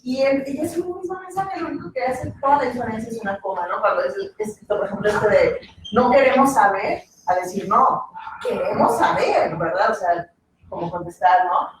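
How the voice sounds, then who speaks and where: A woman's voice: medium pitch, fast talker. A woman psychologist with a Mexican accent giving a chatty talk, with frequent tag questions and fillers. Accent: Mexican Spanish. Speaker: psychologist guest speaker. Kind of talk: casual talk lecture. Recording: echoey room, distant mic, noisy.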